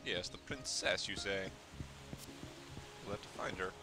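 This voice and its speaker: A man's voice: low-pitched, unhurried, music in the background. Jokey man doing game commentary. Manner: jokey, mock-dramatic. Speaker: gameplay commentator. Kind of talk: casual let's-play commentary.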